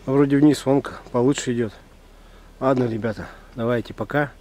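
A man's voice: medium pitch, moderate pace, mellow. A young man vlogging casually outdoors in a forest at night, joking about his own bad luck with a dry, self-mocking humor. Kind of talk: casual vlog talk to camera.

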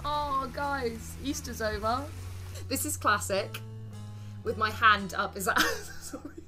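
Woman, live streamer, excitable, swears a lot, high lively voice, music behind. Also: slow.

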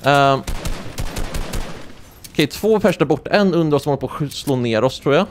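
Young male gaming streamer, excitable play-by-play, light background noise. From Sweden. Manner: excitable, swings into high-pitched yelps when surprised. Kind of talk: live gameplay commentary.

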